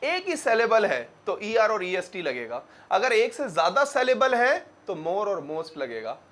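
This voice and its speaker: Young guy teaching a grammar class, fairly high voice, keeps quizzing the room and answering himself. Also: wildly swooping pitch, a bit bright. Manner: asks the class questions and answers them himself, repeats words slowly. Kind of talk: classroom lecture.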